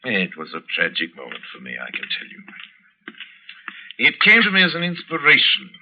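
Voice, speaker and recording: An actor playing a suave, boastful, cold-blooded aristocratic general in a vintage radio drama, speaking with urbane, theatrical deliberation. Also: male voice, fairly low pitch, huge pitch swings, normal speed, background noise. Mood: proud, eager. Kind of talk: 1940s radio drama acting. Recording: dull, lo-fi vintage radio recording.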